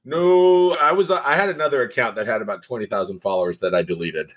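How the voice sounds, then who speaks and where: A man co-hosting a casual podcast, with a booming announcer-style delivery and crude, joking banter. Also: fast, fairly bright tone. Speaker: podcast co-host, teacher. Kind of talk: casual chat.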